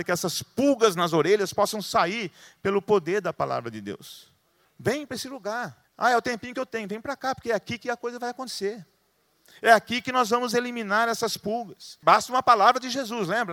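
A man's voice: high voice, fairly bright tone, no room sound, clean studio sound. A middle-aged man with a Brazilian Portuguese accent, preaching a sermon as pastor with emphatic rhetorical questions. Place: church in Londrina, Brazil.

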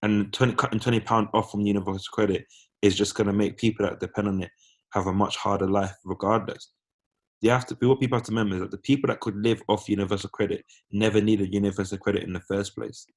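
A man with a fairly low voice shares opinions in a casual discussion. He is emphatic, breaking his points into short, firm phrases. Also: fairly even intonation, fast.

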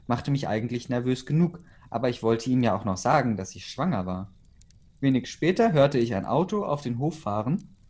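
A man reading a fan story aloud in a casual, even way, including the readers' comments. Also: medium pitch, breathy edge.

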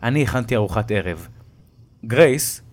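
A man telling a first-person horror story in a measured way, with dramatic pauses. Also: lowish voice.

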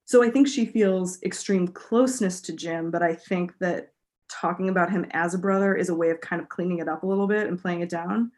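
Animated woman podcast co-host. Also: fairly low pitch, fairly quick. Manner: thoughtful, animated, many fillers. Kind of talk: casual chat.

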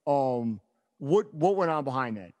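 A man hosting a podcast interview, asking quick, loose questions in an easygoing way. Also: mid-range voice, animated, a little mellow. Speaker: podcast host. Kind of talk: casual interview chat.

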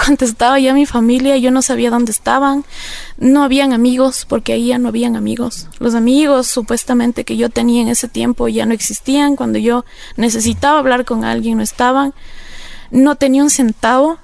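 A woman's voice: fairly high pitch, fairly even intonation, brisk, vocal fry, a little mellow, no echo. A woman with an Ecuadorian accent, candidly telling her personal recovery story in an interview, rambling with many fillers. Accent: Ecuadorian Spanish. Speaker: interview guest.

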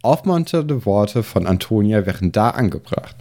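A man's voice: lowish voice, sing-song, normal speed, dark tone. A man hosting a quiz round, reading out quotes in an easygoing, slightly hesitant way. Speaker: podcast host reading quotes.

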